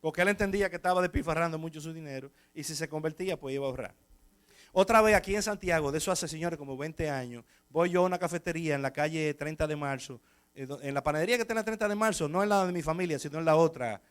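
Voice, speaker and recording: A Dominican pastor preaches with a high, bright voice and tells stories with plenty of life. He keeps checking in with his congregation as he talks. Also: fast talker, smooth. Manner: lively, anecdotal, chatty with the congregation. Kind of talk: storytelling sermon.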